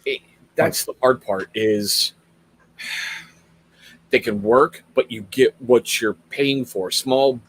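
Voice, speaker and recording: A man's voice: mid-range voice, slow, pauses often, husky. Upbeat man hosting a livestream. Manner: upbeat, reads viewer questions from chat. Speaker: host. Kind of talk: casual livestream interview.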